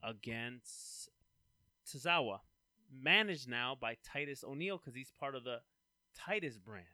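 A man's voice: medium pitch, expressive, measured pace, sharp tone, dry recording. A laid-back man co-hosting a casual wrestling podcast, laughing easily as he goes through the match card. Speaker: podcast co-host.

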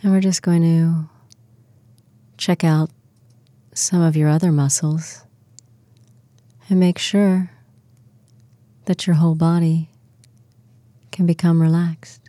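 A woman talks listeners through a guided relaxation in an unhurried, soothing way. Her voice sits low and mellow. The recording is close and dry, with no room sound. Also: flat delivery, dry recording. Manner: slow, soothing, soft-spoken instructions.

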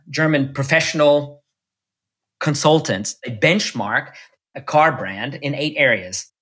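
In a casual storytelling interview in Munich, a U.S. electric car executive recounts anecdotes, often restarting and filling pauses. His voice is medium-pitched and a bit bright, and the audio is slightly rough.

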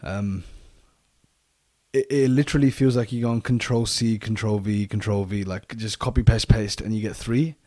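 Mellow-voiced man in reflective casual conversation. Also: on the low side, fairly even intonation, normal speed, no echo, clean studio sound. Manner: repeats phrases for emphasis.

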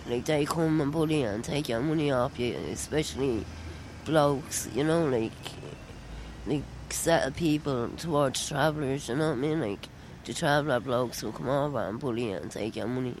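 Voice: mid-range voice, moderate pace, a little hiss or hum, poor audio. A person interviewed outdoors on a street, answering bluntly and tersely.

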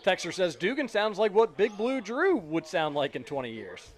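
A man hosting a live sports talk show outdoors at a racetrack. His voice sits a little high, and he banters in a dry, relaxed way, laughing easily. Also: moderate pace. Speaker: sports radio host. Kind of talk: casual radio banter.

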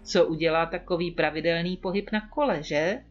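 A woman's voice: lowish voice, dull audio, pitched below the performer's own voice, close to an everyday voice. Woman doing a smug middle-aged husband, dry, teasing, faint music underneath. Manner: dry, teasing, self-satisfied.

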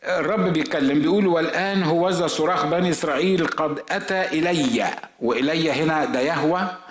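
A man's voice: fairly high pitch, brisk. Egyptian male pastor preaching in an echoey room. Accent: Egyptian Arabic. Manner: conversational storytelling preaching, rhetorical questions. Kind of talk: sermon.

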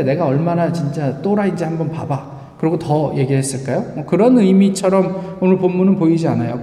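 A male pastor giving a conversational sermon, rising to loud, emphatic quotes. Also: on the high side. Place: church sanctuary. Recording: echoey church hall.

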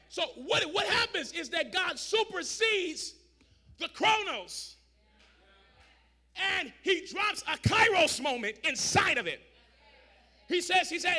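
Male preacher, ringing bright tone, loud call-and-response sermon with chatty asides. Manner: shouts and drops to a low, conversational aside, repeats words, talks back to the crowd. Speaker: pastor. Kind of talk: energetic sermon to a congregation.

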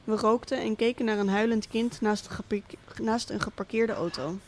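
A woman reading a literary monologue as a cynical, wealthy absent father, speaking in a dry, deliberate, sardonic way. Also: a little high, steady tone, lightly acted. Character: cynical rich middle-aged father, absent tycoon.

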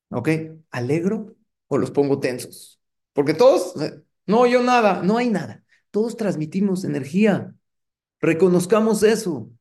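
A middle-aged man, a rabbi giving a lively sermon and putting rhetorical questions to his congregation. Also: on the high side. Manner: engaging, asks the audience rhetorical questions.

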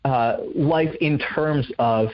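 A young man raised in Indonesia, appearing as a guest author, answers interview questions thoughtfully in a reflective conversation. His medium-pitched voice moves slowly, full of fillers and restarts, and the recording sounds muffled.

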